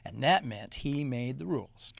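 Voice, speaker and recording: A man narrating a children's storybook in a playful, animated way. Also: medium pitch, normal speed, creaky, no room sound. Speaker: storybook reader.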